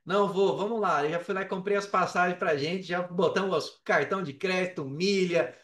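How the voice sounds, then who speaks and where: Speaking a little fast in a high, slightly bright voice, a Brazilian man with a Brazilian Portuguese accent recounts personal stories casually in a podcast interview. He is an affiliate marketer there as a guest, and he tends to repeat words and check in with the listener. The recording is echoey, with him distant from the mic.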